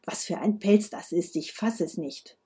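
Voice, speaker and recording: A woman's voice: lowish voice, normal speed, dark tone, breathy edge. A woman voicing a brusque, sarcastic older woman, a grandmother, while reading a novel aloud. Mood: scornful. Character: grumpy sharp-tongued older woman, a grandmother, reckless driver.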